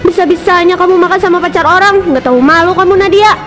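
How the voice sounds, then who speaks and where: A woman's voice: very high voice, fairly even intonation, quick pace, fairly bright tone, soft background music. A woman voicing Anissa, a jealous, indignant schoolgirl in a cartoon parody soap. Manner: accusing, indignant.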